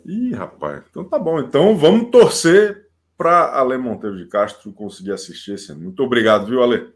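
A man hosting a live show in casual chat, excitable and swearing freely. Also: medium pitch, brisk. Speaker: host.

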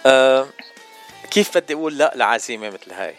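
A man's voice: mid-range voice, expressive, quick pace, soft background music. A man hosting a casual radio interview, easygoing and teasing. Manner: easygoing, teasing, laughs often. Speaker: radio host.

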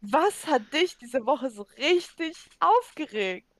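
A young woman co-hosting a casual podcast, encouraging and quick to agree. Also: high-pitched, lively intonation, dry recording. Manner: encouraging, frequent agreeing backchannels. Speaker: podcast co-host. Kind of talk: casual chat.

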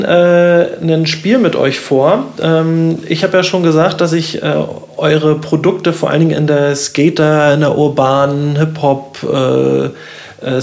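A man hosting a casual talk show, chatty and playful, quizzing his guests with many fillers. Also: on the high side. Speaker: podcast host. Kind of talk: casual interview chat.

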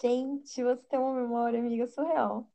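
A young Brazilian woman with a Brazilian accent chats casually as a podcast co-host, in a bubbly, girly, slangy and expressive way. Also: fairly high pitch, moderate pace, creaky. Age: young adult. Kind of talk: casual chat between friends.

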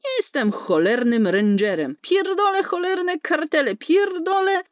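A woman's voice: on the high side, very animated, a little slow, dry recording, clean studio sound, voice pushed up. A woman voicing a foul-mouthed, sarcastic young female space smuggler in a storybook reading. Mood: brash. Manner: cursing, sarcastic, tough.

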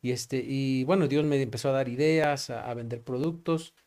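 A man's voice: medium pitch, fairly even intonation, normal speed, darkish tone. A young man with a Mexican accent, a pastor giving an earnest testimony in an interview, full of fillers and acting out the remembered dialogues. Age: young adult. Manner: earnest, many fillers like "este" and "¿no?"; acts out both sides of remembered dialogues.

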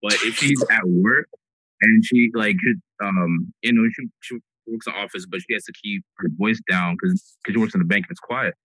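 A man's voice: fairly low pitch, normal speed, sharp tone, slightly rough, no room sound, low-quality recording. A young man in a casual podcast chat who rambles and restarts, often mimicking his mother. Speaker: podcast co-host.

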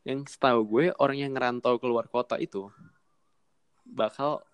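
A man's voice: medium pitch, steady tone, normal speed, clear, resonant tone, no echo. A young man from Medan with an Indonesian accent, hosting a podcast in a casual chatty style over an online call. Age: young adult. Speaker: podcast host. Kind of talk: casual chat.

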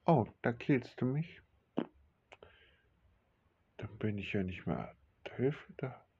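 A man's voice: medium pitch, lively intonation, slow, warm tone, husky, pitched above the performer's own voice, heavily acted. A man playing a young male passenger on a hijacked plane, answering in a dry, slightly mocking way in a homemade audio drama. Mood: wry. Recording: dull lo-fi recording, faint music.

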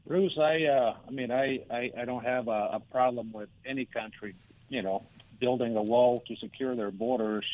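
A man giving conversational interview answers as a guest, halting and often restarting his words. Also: mid-range voice, fairly even intonation. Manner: halting, hesitant, many repeated starts. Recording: narrow phone-like radio line.

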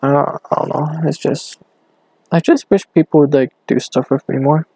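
A young man rambling hesitantly on his own podcast, talking low in his bedroom with a hand cupped over the mic. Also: fairly even intonation, moderate pace, mellow, slightly rough, dry recording. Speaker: podcast host. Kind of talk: casual solo podcast. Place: bedroom at home.

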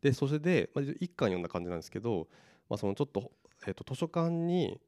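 A man's voice: mid-range voice, sing-song, fast, mellow, no echo, studio quality. A man co-hosting a casual chat show, chatty and full of fillers, asking teasing questions. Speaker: podcast co-host.

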